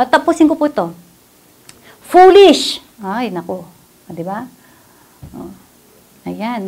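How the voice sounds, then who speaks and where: Animated Filipino woman preaching. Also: a little high. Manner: animated, laughs often, asks the audience rhetorical questions. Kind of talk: Taglish sermon. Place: church.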